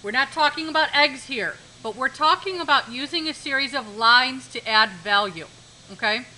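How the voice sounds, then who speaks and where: A woman's voice: high voice, normal speed, sharp tone, a little hiss or hum, low-quality recording. A woman art teacher giving a live demonstration lesson in a classroom, instructive, repeating key points and checking that students follow.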